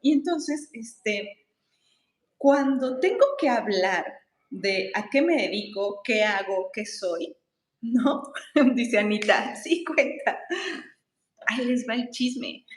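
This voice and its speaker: A woman, a spiritual coach, telling a story in a chatty way, laughing often and acting out the dialogue. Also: fairly high pitch. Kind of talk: casual storytelling monologue. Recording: echoey room.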